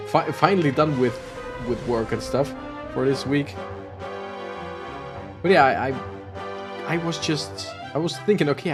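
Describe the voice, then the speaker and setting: A tired man giving casual, rambling commentary as he plays, laughing and breaking off mid-thought. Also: mid-range voice. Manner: rambling, laughing, self-interrupting. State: tired, yawning. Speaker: gaming channel host. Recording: game music playing behind.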